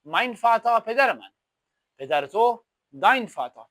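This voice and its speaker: A man whose first language is Persian teaches German at a fairly high pitch that swings widely. He slows to a crawl on each example phrase and repeats it like a drill. The sound is dry and close, with no room echo. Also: big pitch swings, fairly bright tone. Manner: slow, drawn-out German example phrases between quick explanations. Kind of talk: language lesson explaining examples.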